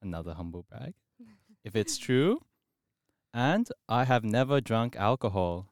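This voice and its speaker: A young university student who chats with friends in a wry, self-mocking way during a party game. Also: male voice, fairly low pitch, big pitch swings, a little slow, no echo, studio quality. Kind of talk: casual game chat with friends.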